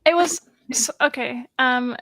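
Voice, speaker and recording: A woman chatting excitedly on a video call, rambling with lots of fillers. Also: high voice, a little slow, no room sound. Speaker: guest on a group video chat. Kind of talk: casual chat.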